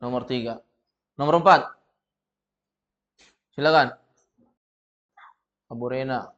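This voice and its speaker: A man with an Indonesian accent teaching a classroom lesson, patiently correcting students step by step and reading sentences out slowly. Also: medium pitch. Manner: reads sentences out slowly and loudly. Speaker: Arabic teacher. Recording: dull lo-fi recording.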